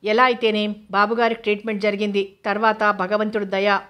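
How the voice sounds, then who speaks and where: A woman voicing a kindly, worried older male attendant who speaks softly, in a steady, narrow tone. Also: medium pitch, a little fast, lightly acted. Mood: gentle. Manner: gentle, anxious.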